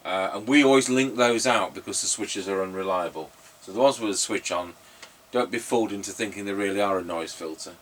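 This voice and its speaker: With a lowish, fairly bright voice, a middle-aged man rambles through casual anecdotes as he provides radio test commentary. He's a radio repairer and presenter, captured by a distant microphone in noisy conditions.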